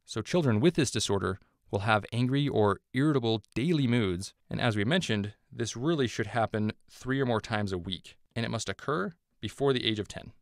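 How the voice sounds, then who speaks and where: A man giving a scripted medical lecture, explaining clearly and offering memory hooks. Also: mid-range voice, moderate pace, hardly any pauses, no room sound, studio quality.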